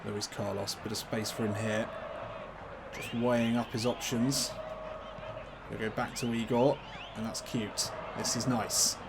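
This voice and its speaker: This gaming YouTuber has a fairly low, gravelly voice with little pitch movement, speaking a little slowly and pausing often. He casually commentates on a football video game, chatty and thinking aloud about team choices, with background noise and music behind him.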